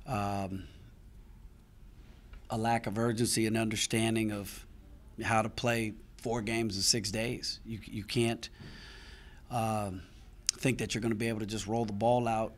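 A middle-aged basketball head coach at a post-game press conference speaks frankly and with some frustration, restarting phrases as he thinks. His voice is fairly low and level, a little slow. He stands in a press room before a sponsor backdrop, a handheld mic on a stand close in front of him.

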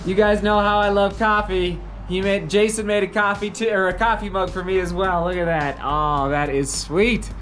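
A running vlogger in his thirties talks casually and upbeat to an action camera held at arm's length, chatty and thinking aloud. His voice is high, his tone steady and fairly bright, at a moderate pace with few pauses, plus a little hiss or hum. Settings include a mountain summit, a car, a shop, and an indoor room.

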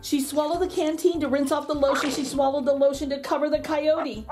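Over soft background music, a middle-aged woman reads a picture book to children in a high, steady, slightly mellow voice. Her delivery is theatrical and rhythmic, stretching out the ends of lines. She is a children's story reader who hosts a channel.

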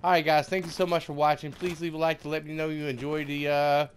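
A man's voice: on the high side, flat delivery, fast, slight background noise. A man who runs a gaming channel making a hyped, emphatic giveaway announcement in casual talk to his viewers. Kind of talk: casual gameplay video talk addressed to viewers.

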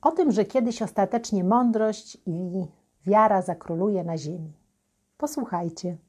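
A woman podcast storyteller, narrating a legend in an unhurried, gentle way while sitting by a fireplace indoors. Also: medium pitch.

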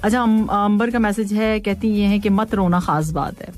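A woman hosting a casual radio show, reading listener messages, playful and quick to laugh and tease. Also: medium pitch, fairly even intonation, darkish tone, faint music behind. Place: radio studio.

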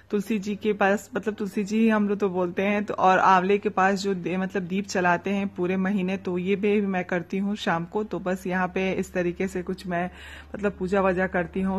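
Soft-spoken young woman chatting through her day. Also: mid-range voice. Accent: eastern Uttar Pradesh Hindi. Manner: chatty, soft-spoken, fond tag questions. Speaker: vlogger. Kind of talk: casual daily vlog narration. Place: family home, indoors and courtyard.

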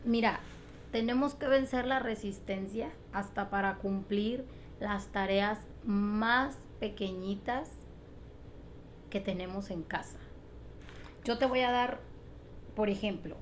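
A woman's voice: mid-range voice, a little hiss or hum. Emphatic woman giving a pep talk. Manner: emphatic, repetitive, asks rhetorical questions. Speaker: motivational vlogger. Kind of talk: motivational talk to camera.

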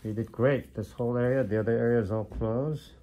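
Cleaning a patient's wound in a clinic room, this male foot doctor keeps up a friendly, encouraging chat full of uh-huhs. His voice is mid-pitched with fairly even intonation, he speaks fairly quickly, and the audio sounds dull.

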